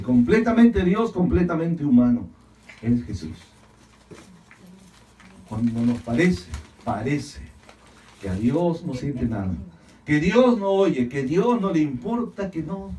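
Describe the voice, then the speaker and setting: A male pastor preaching a sermon, swinging from loud, emphatic lines to hushed ones, repeating phrases and calling on the congregation to answer. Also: fairly high pitch, reverberant, far from the mic, low-quality recording. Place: church hall.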